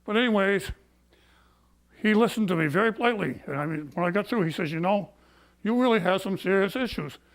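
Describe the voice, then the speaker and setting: Short of breath from COPD, an older barber speaks in a high, expressive voice at a fairly quick clip. He tells his story folksily and bluntly, full of indignant complaints.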